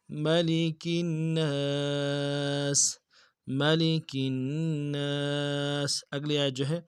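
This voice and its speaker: Smooth-voiced man teaching slow recitation. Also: fairly high pitch, no room sound, clean studio sound. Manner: slow, drawn-out chanted recitation alternating with brisk explanation; repeats words for the learner to copy. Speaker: Quran tajweed teacher. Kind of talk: tajweed lesson with slow recitation.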